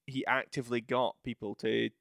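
Casual man, halting restarts. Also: medium pitch, level tone, gravelly, a bit bright, no room sound, clean studio sound. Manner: loose, restarting sentences, casual swearing. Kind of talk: casual podcast chat.

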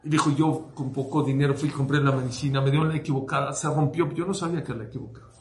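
A man's voice: mid-range voice, steady tone, racing. A man, a rabbi telling a story in a sermon to his weekly class, acting out the characters' lines and repeating words for emphasis. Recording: echoey room with faint noise.

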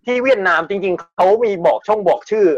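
A man's voice: high-pitched, fairly even intonation, a little fast, no room sound, highs cut off. A man casually retelling a strange news story on a podcast, chatty and full of restarts. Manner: chatty, restarts often, acts out quotes.

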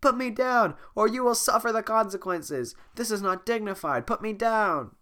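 A haughty, demanding young princess, voiced by a reader with a cold in an amateur script reading. Pitch well above the reader's own, with a bright, pushy edge. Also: expressive, moderate pace. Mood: furious. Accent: slips into a Scottish lilt. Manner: high, sharp and insistent. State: sick, hoarse throat.

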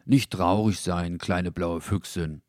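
A man voicing a big, kind male dog in a storybook, speaking gently and reassuringly. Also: on the low side, expressive, normal speed, no room sound, studio quality.

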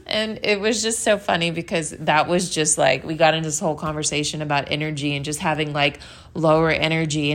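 A woman hosting a podcast, talking casually in a rambling, chatty way with lots of fillers, feeling sleepy. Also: deep voice. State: sleepy, yawning. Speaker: podcast host. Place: New York.

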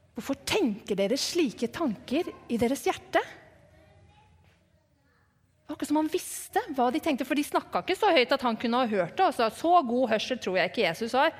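A woman storyteller with a high voice recounts the story to children as an eyewitness. She is lively and dramatic, sinking into hushed whispers at tense moments, and a long reverb hangs behind her.

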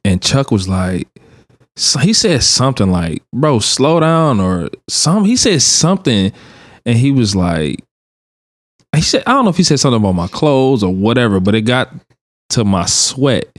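A man's voice: mid-range voice, moderate pace, no echo. Young guy cohosting a podcast, laughs a lot, voice bouncing up and down, dry sound. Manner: laughing storyteller, slangy and animated. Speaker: podcast co-host. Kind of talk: casual chat.

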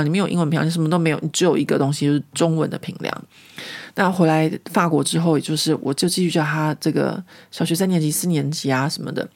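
Taiwanese Mandarin woman host, gravelly voice, chatty and lively storytelling. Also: deep voice. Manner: chatty and lively, laughs often. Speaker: podcast host. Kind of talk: casual storytelling monologue.

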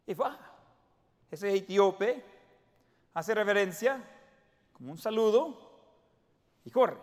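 High-voiced pastor preaching in a reverberant hall. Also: male voice. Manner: animated preaching, acting out quoted voices. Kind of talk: sermon.

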